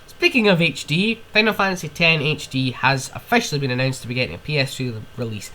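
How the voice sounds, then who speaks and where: A man's voice: mid-range voice, fast talker, pushed and bright, a little hiss or hum. A young man with a cold, hosting a podcast on his own and ranting in rambling, casual chat, with sniffs and swearing. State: ill with a cold. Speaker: podcast host.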